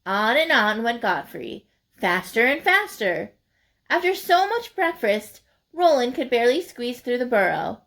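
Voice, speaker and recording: A woman reads a children's picture book aloud with lots of expression, speaking deliberately and emphatically for young listeners. Her voice sits on the high side, very animated and a bit bright.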